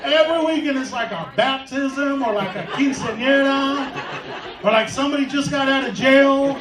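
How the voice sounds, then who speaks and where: A man doing a stand-up comedy set, telling a rambling story full of "like" and shouting his punchlines. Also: very high-pitched, moderate pace, crowd noise. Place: comedy club stage. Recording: echoey club, far mic, audience laughter.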